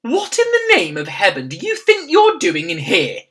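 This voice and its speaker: A woman's voice: on the high side, sing-song, unhurried, a bit bright, pitched above the performer's own voice. A woman voicing a fussy, plain-spoken middle-aged maid who speaks in a deferential, flustered, homely way. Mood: angry.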